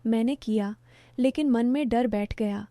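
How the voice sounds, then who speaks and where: Female storyteller, higher pitch, warm mellow timbre, steady scripted narration. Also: a little slow, dry recording.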